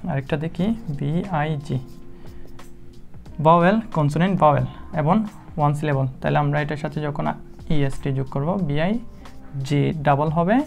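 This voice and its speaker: Low gravelly woman teaching spelling. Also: darkish tone. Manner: slow, methodical, spells words out letter by letter with many "ah" fillers. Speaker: English teacher. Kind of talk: spelling lesson explained in Bengali.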